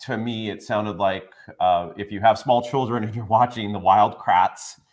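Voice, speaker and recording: A man speaking as a guest on a live stream, hesitant with many "uh" pauses. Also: fairly low pitch, fairly even intonation. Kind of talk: casual chat on a live stream.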